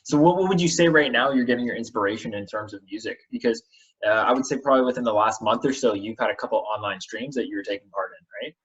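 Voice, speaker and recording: A man's voice: medium pitch, fast talker, fairly bright tone. A man hosting a casual radio interview, easygoing and agreeable. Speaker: radio host. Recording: dull lo-fi audio.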